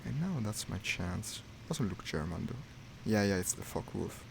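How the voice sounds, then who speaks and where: Animated and fairly low-pitched, with vocal fry and a normal speed, this gaming streamer narrates his flight sim play with wry live commentary, often half to himself. The stream audio is noisy.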